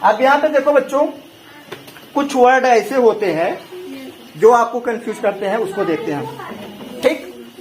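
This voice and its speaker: A man teaching a class, quizzing his students with the same question over and over. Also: very high-pitched. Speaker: English teacher. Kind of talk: classroom lesson with call-and-response. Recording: echoey room with faint noise.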